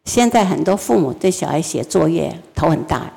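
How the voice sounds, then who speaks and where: Gravelly older woman teaching. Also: low voice, moderate pace, big-room sound. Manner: lively, acts out family scenes. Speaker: guest teacher.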